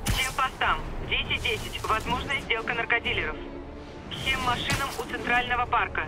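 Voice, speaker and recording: Brief: high-voiced game police dispatcher over radio, clipped and procedural, music under him. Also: male voice, normal speed. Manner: clipped, procedural call-outs. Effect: police radio transmission. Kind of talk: video game voice acting.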